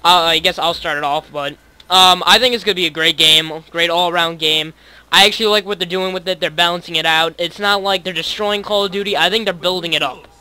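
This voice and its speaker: Young male host, high bright voice, rambling gaming-chat host. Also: steady tone, a little fast, smooth, rough recording. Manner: rambling, many fillers. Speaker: podcast host. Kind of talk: casual gaming podcast chat.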